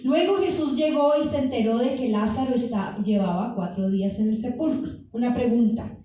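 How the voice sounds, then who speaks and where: A woman's voice: on the high side, moderate pace, mellow. A woman preacher giving a fervent sermon, speaking directly to her congregation in a church. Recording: echoey hall from far off.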